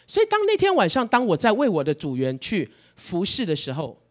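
A man preaching a sermon, telling his story in an animated, emotional way. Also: sits high, a little fast.

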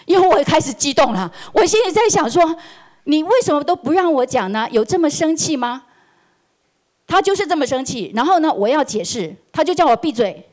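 A woman's voice: a little high, darkish tone. Woman preaching, tells a story and acts out the other voices. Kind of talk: sermon with personal testimony.

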